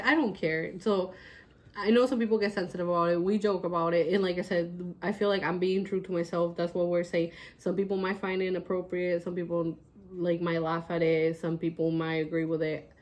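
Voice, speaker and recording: A woman's voice: lowish voice, steady tone, moderate pace. Blunt, laughing young woman chatting. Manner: blunt, laughs often, says "like" a lot. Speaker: podcast co-host. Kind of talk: casual chat.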